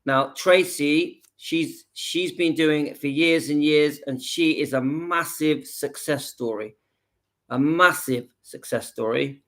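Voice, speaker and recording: A man in his late fifties talks straight to his viewers from home, pitched a little high for a man. He is earnest and rousing, and he repeats his lines to drive the point home. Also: takes it slowly, fairly bright tone. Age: 50s. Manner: earnest, repetitive, rallying the viewers. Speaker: channel host. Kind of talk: casual direct-to-camera vlog.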